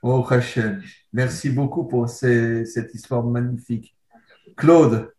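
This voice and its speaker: A man's voice: medium pitch, fairly even intonation, slow, mellow. A man hosting a discussion as a rabbi, asking probing follow-up questions. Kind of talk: conversational interview. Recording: roomy echo.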